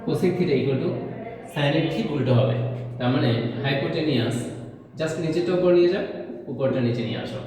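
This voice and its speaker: A man's voice: a little high, animated, fairly quick, warm tone, heavy reverb, in a large hall, distant mic, a little hiss or hum, poor audio. A man teaching a math lesson, explaining step by step and mixing in English terms. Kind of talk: classroom math lecture.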